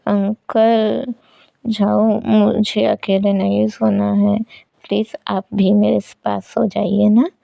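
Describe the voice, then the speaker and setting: A woman's voice: medium pitch, flat delivery, slow, vocal fry, dry recording, highs cut off. A woman voicing a clingy, sleepy young man who pleads and whines, in a read-aloud story. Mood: pleading. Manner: pleading, whiny.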